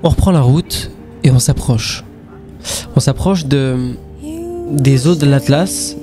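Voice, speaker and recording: A man's voice: mid-range voice, slow pace. A man narrating his own travel vlog in a punchy, casual way full of slang. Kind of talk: voice-over narration. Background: music.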